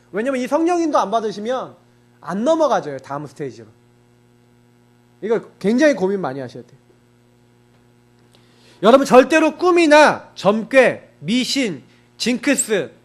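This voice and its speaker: A middle-aged man preaching a sermon as pastor, telling personal stories in a conversational way and acting out his own thoughts in quoted asides. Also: extremely high pitch. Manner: animated, conversational preaching with frequent emphatic particles.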